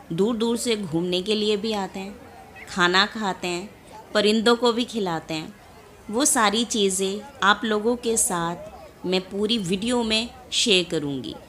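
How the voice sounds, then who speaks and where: In a noisy outdoor phone recording, a young woman vlogs from a big mosque courtyard with the camera held at arm's length. She chats directly to her viewers in a mid-range voice that's bright and forceful.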